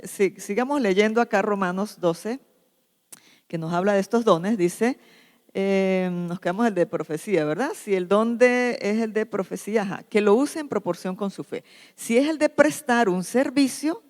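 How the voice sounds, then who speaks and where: A woman's voice: mid-range voice, darkish tone. A woman pastor teaching a sermon, often checking in with her listeners by asking "¿sí?". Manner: slow, questioning the congregation with repeated "¿sí?". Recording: long hall reverb.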